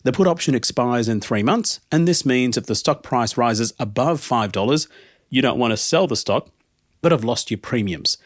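Male podcast host, medium pitch, prepared explainer delivery, dry recording. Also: lively intonation, normal speed, no echo.

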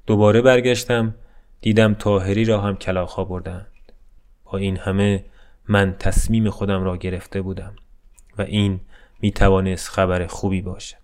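A man narrating a scripted story in a calm, melancholy, deadpan way. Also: lowish voice, clear, resonant tone. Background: faint music.

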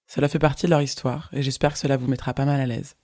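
A woman hosting a podcast, reading a calm, measured scripted intro. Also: very deep voice, no room sound, clean studio sound. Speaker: podcast host.

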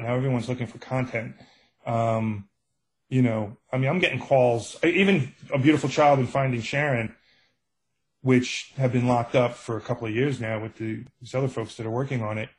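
A man's voice: medium pitch, steady tone, a little fast, low-quality recording. An older middle-aged man with a Brooklyn accent, talking casually and anecdotally as an author being interviewed. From Brooklyn, New York. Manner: anecdotal, acts out quoted exchanges. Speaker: true crime author, podcast guest.

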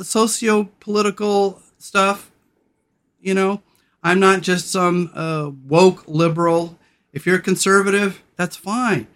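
A man hosting a podcast, brash and irreverent, loud radio-style delivery that drops to low, slow, soft talk when sincere. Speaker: podcast host. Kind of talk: casual podcast chat.

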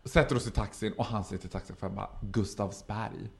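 A man's voice: fairly low pitch, creaky. A man telling a story in casual podcast chat, laughing and acting out the voices of the people in it. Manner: animated, laughing, acts out quoted voices.

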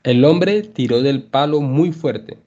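A male language teacher reading a story aloud for learners, clear and measured. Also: mid-range voice, mellow. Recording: dull lo-fi podcast audio.

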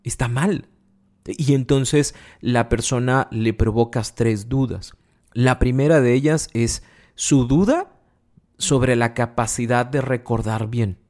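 A man's voice: medium pitch, takes it slowly, darkish tone. A man giving an informal, explanatory talk on relationships, speaking conversationally with frequent restarts. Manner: conversational, explains patiently with many restarts and everyday examples.

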